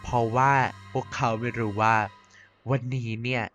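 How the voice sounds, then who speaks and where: This narrating YouTuber does all the voices, and here she pushes her own voice down to an extremely low pitch with little pitch movement and a normal speed. She plays a vain, mischievous female vampire queen in a Minecraft cartoon, theatrical, self-important, and scheming. The sound is slightly dull, with faint music in the background.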